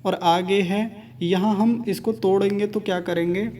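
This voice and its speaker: A man teaching the pronunciation of a Vedic mantra, explaining each word and then repeating its syllables slowly and deliberately. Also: sits high, fairly even intonation, darkish tone. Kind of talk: slow, careful pronunciation lesson.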